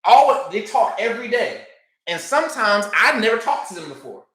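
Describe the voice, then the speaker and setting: A man's voice: high voice, sing-song, normal speed, fairly bright tone. A man giving a motivational talk about credit, emphatic and repetitive, acting out other people as he makes his points. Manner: emphatic, repeats points, acts out people in voices. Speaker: credit coach. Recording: echoey room.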